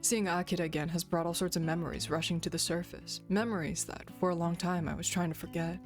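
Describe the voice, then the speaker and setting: A woman's voice: lowish voice, steady tone, fast talker. A woman streamer reading a visual novel aloud and joking between passages. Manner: playful, giggly asides. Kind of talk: reading a game aloud and commenting. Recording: background game music.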